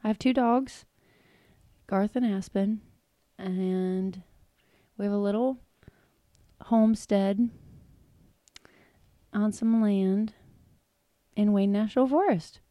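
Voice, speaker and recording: A woman's voice: medium pitch, takes it slowly, pauses often, dark tone, no echo, studio quality. A woman in her thirties from the Cleveland area with a Northern Ohio accent, chatting casually and giggling as a podcast co-host. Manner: laid-back, giggly, swears casually. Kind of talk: casual chat.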